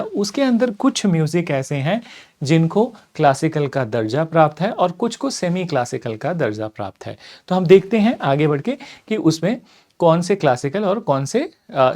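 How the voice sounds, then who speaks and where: A man's voice: a little high, a little mellow. A male teacher giving an exam-prep lecture, explaining step by step, often checking in with "okay," and mixing English terms into his talk. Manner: mixes English terms into Hindi; slows down and speeds up on purpose to demonstrate.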